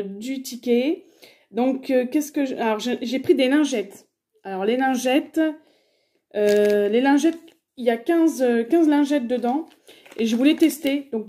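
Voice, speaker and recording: A woman's voice: high voice, warm tone. A woman in her thirties chatting casually through a shopping haul, hesitant and full of fillers. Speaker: haul vlogger.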